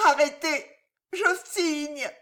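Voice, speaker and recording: A woman's voice: sits high, slow, voice pushed up. A woman voicing a desperate young noblewoman who begs and sobs for mercy in an audiobook reading. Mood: desperate pleading. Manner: frantic, sobbing pleas. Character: desperate young noblewoman, pleading wife and mother.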